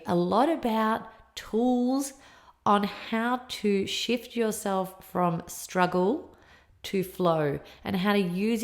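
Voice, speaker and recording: Croaky, husky Australian woman, lower-pitched. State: temporarily hoarse, croaky. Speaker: podcast host. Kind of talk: podcast introduction and interview.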